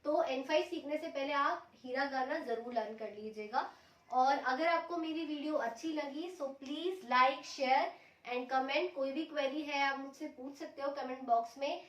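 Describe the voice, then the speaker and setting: A woman teaching a language lesson, explaining each rule step by step and patiently repeating the examples slowly. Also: sits high, fairly bright tone. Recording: echoey room, mic at a distance.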